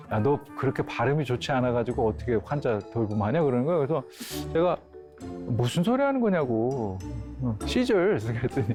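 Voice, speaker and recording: A man, a pastor and grief counselor, telling a personal story in a lecture and acting out the voices of the people in it. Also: medium pitch. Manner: animated, acts out dialogue in his story.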